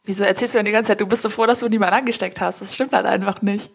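A woman's voice: mid-range voice, fairly even intonation, racing, creaky, husky. A woman chatting casually as a podcast co-host, teasing in a dryly ironic way.

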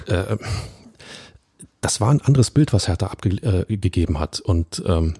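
Male football pundit, deep husky voice, dry close sound, emphatic colloquial podcast chat. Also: lively intonation, unhurried, dark tone, no echo. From Berlin. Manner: emphatic, colloquial, addresses listeners directly.

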